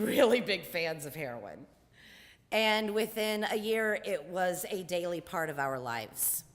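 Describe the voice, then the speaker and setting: A woman's voice: mid-range voice, fairly bright tone, big-room sound. Candid woman telling a wry personal story. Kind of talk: personal monologue on stage.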